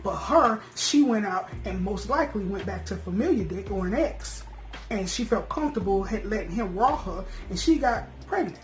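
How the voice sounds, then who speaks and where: A man's voice: high voice, lively intonation, moderate pace. A man co-hosting a casual chat show, arguing his opinions bluntly and with profanity. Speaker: podcast co-host. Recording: roomy sound with faint music.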